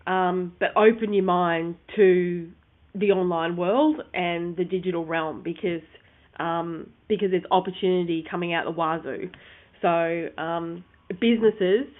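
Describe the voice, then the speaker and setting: A woman co-hosting a casual business chat, rambling and sometimes losing her train of thought. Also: on the low side. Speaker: podcast co-host. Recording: phone-like narrow sound.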